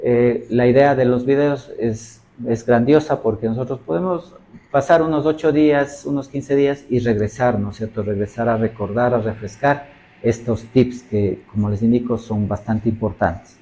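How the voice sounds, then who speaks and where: A man teaching a recorded lesson, explaining patiently and often checking understanding with short tag questions, sounding out example words slowly. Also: mid-range voice, mellow, poor audio. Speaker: English teacher.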